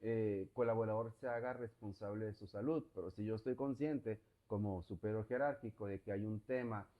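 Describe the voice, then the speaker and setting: A man's voice: lowish voice, fairly even intonation, normal speed. A man with a Mexican accent hosting an interview, asking long, rambling questions that he rephrases as he goes, in casual, slangy speech. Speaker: host. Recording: dull lo-fi audio.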